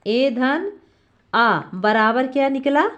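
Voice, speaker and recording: High-voiced woman teaching grammar. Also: slow pace, a bit bright, highs cut off. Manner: repeats questions and answers them herself, drawing out key sounds. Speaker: Sanskrit teacher. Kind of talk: classroom lesson explaining grammar.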